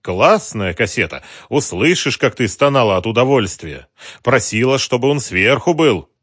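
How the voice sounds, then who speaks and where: A menacing gangster boss sneers and threatens, loud and coarse, as a narrator puts him on. His voice sits a little higher than the reader's own, pushed hard with contempt, in a dry close recording. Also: lively intonation, moderate pace, breathy edge, dry recording.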